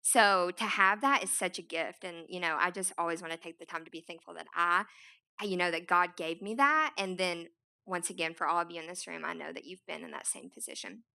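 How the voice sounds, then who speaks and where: A young woman giving a talk to an audience in a large room, telling her own story in a chatty, animated way with many fillers. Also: fairly low pitch, a little fast, vocal fry, clean tone. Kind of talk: conference talk.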